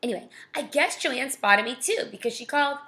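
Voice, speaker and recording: A woman's voice: high voice, expressive, brisk, bright, forceful tone. A young woman casually reading a children's novel aloud, breaking off to chat and comment. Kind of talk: casual read-aloud with asides.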